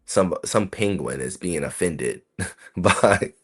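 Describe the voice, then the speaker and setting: A man's voice: low-pitched, expressive, takes it slowly, fairly bright tone, breathy edge. A man from South Carolina, hosting a casual solo podcast and talking to his listeners in a chatty, rambling way. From South Carolina, USA. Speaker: podcast host.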